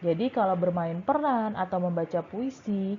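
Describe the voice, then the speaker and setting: A woman primary school teacher giving a recorded lesson to young pupils, speaking gently and patiently. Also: medium pitch, expressive, moderate pace, slight background noise. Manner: gentle, patient, addresses children as Nak. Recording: tinny phone-like sound.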